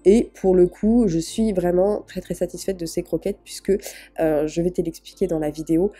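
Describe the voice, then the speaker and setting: A woman's voice: fairly low pitch, fairly even intonation, normal speed, dark tone, no room sound. A woman with a slight slushy lisp on her s sounds, chatting casually and explaining things informally as a vlogger. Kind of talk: casual chat to camera.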